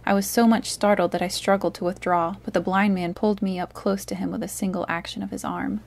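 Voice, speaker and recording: Female storyteller, calm and soothing read-aloud of a classic novel. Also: medium pitch, brisk, gravelly.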